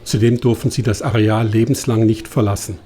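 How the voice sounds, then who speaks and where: A man reads a travel documentary voice-over in a calm, measured way. His voice sits a little low and sounds warm and mellow. It has the even delivery of scripted narration.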